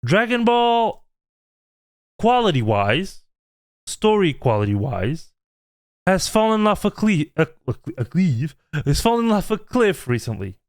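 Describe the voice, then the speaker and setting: A man's voice: high-pitched, sing-song, a little slow. A man in his twenties, a channel host, giving an earnest, pleading vlog rant. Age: 20s.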